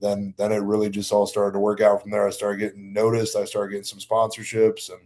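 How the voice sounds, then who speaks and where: Low, flat-voiced young man. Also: a little fast. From Baltimore, Maryland. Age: 20s. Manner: laid-back, slangy, rambling with restarts. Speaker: guest bodybuilder. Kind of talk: casual podcast chat.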